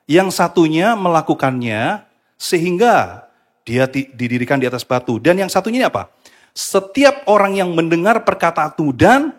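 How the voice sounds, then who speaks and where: A man preaching a sermon to a church congregation, animated and often slipping English phrases into his talk. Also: fairly high pitch, breathy edge. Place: church hall.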